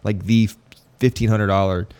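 A man hosting a casual podcast with a slightly low voice, upbeat and laughing easily. He talks in loose, rambling asides as he chats with his co-host and guest. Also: steady tone, moderate pace, darkish tone, smooth.

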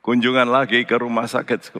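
A male pastor preaching a sermon, slow and deliberate, leaping into high animated voices when he tells stories. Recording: long hall reverb.

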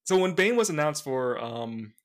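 A man's voice: fairly high pitch, normal speed. A young man co-hosting a casual comics podcast, telling stories with lots of energy. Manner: animated storyteller, does mocking voices. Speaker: podcast co-host.

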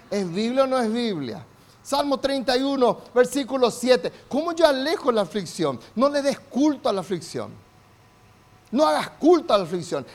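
A man delivers a sermon in a very high voice. He calls on the congregation to repeat after him, and his delivery climbs to shouting. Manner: call-and-response preaching, builds to shouts. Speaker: pastor.

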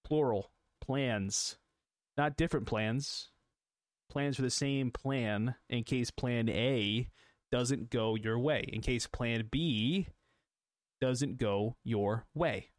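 Taking it slowly at a medium pitch, the young adult host coaches listeners on his solo motivational podcast, repeating phrases and throwing out rhetorical questions. The recording is dry and clean, with a studio sound.

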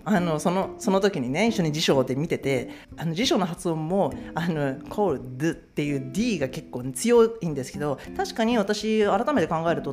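A woman's voice: deep voice, darkish tone. A woman from Japan, hosting in a chatty, casual storytelling style, with many fillers. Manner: chatty, lots of fillers, acts out quotes. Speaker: host.

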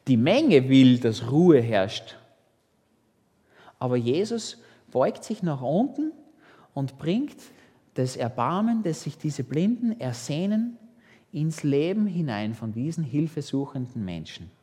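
Man, preacher, sermon, lively pitch, rhetorical questions, reverberant church hall. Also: slow pace. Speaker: pastor.

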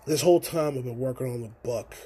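A man's voice: mid-range voice, fast, warm tone, slightly rough. A young man hosting a solo podcast, telling long rambling stories in casual, profane slang. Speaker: podcast host.

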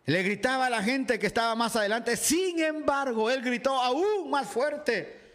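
A man's voice: extremely high pitch, unhurried. A man from Ecuador, a pastor preaching in a livestreamed sermon who reads a Bible passage, acts out its crowd and greets viewers' comments by name. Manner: animated, acts out the crowd and shouts in the story. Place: home, dressed casually for a live video.

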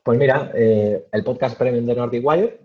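A man answering interview questions casually, with many fillers and pauses. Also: medium pitch, narrow, tinny audio. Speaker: podcast guest.

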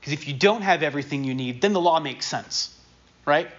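A man's voice: on the high side, fairly quick, a bit bright. A man preaching a sermon in a casual, conversational way, repeating key phrases for emphasis. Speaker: pastor. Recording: dull lo-fi sermon recording.

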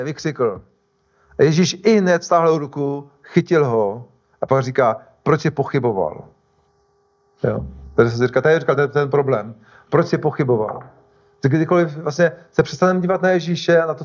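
A man's voice: fairly high pitch, lo-fi sound. A male pastor preaching a sermon in a conversational way, often stopping to restart and correct himself.

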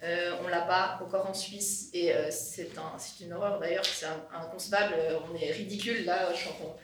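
A nineteen-year-old man with a Swiss French accent giving strong opinions in a roundtable, halting with fillers and laughing. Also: high-pitched, steady tone. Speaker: youth group assistant leader. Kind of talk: casual roundtable discussion. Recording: roomy, distant mic, faint noise.

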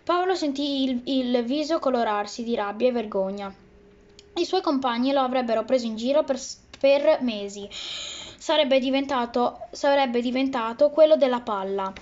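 A woman with a high voice reads a children's novel aloud, often stumbling and restarting words. The recording is muffled and lo-fi. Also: moderate pace, darkish tone. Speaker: reader.

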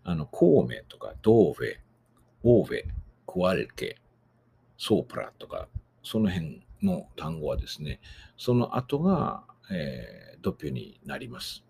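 A man's voice: deep voice, big pitch swings, a little slow, creaky, dark tone, slight background noise. A man hosting a podcast lecture on singing diction, explaining rules patiently with frequent fillers. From Japan. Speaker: voice teacher and podcast host.

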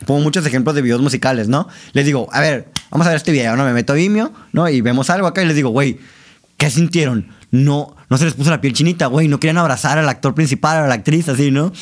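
A man's voice: a little high, rapid-fire, hardly any pauses. A man with a Mexican accent, a director and teacher, talking casually as a podcast guest, full of slang and "¿no?" tag questions. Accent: Mexican Spanish. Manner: animated, slangy, many fillers and tag questions.

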